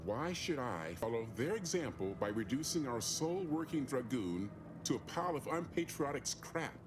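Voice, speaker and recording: A man's voice: mid-range voice, big pitch swings, over music, close to an everyday voice. A man playing a harried, stubborn mechanic. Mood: weary. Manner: weary, stubborn, brisk. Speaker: game character.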